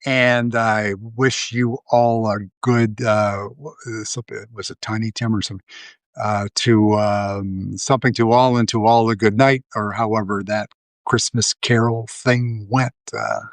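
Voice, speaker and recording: Slow rambling man, dry close sound. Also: lowish voice, fairly even intonation, no room sound. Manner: rambling, many fillers and restarts. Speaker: livestream host. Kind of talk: casual political commentary.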